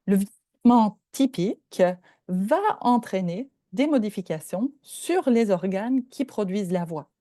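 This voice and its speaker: A woman's voice: medium pitch, lively intonation, a little slow, dark tone, no room sound, studio quality. Older woman giving a lecture. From Belgium. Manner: explanatory, checks in with "d'accord?". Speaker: professor giving a talk. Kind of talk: lecture presentation.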